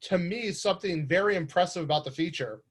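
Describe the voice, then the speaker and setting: Man, host, casual chat, earnest, thoughtful, fairly high voice. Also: fast, slightly rough. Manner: earnest, thoughtful film talk.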